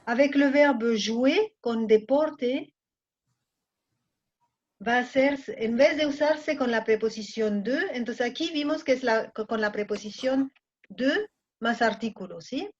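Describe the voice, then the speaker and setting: Speaking slowly in a fairly high voice, a Mexican-accented woman lectures an online French class in Spanish. She keeps making sure the students are following along, and the recording sounds muffled and lo-fi.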